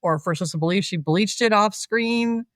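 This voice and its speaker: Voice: medium pitch, brisk, dry recording. Chatty film-recap co-host, mid-range voice, dry close mic, laughs a lot. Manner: chatty, laughs often, animated asides. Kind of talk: casual film recap chat.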